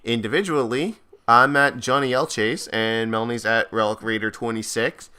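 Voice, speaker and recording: Male podcast co-host; giggly, rambling, hiccuping, with a bright, smooth voice. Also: medium pitch, fairly even intonation, moderate pace. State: hiccuping, hungry. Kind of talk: casual couples podcast chat.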